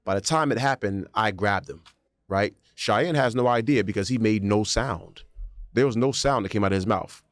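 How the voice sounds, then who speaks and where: A man's voice: on the low side, moderate pace, dry recording, clean studio sound. A man co-hosting a podcast, telling a story in a casual chat and acting out the voices and sounds in it. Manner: animated storyteller, acts out quotes and sound effects. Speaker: podcast co-host.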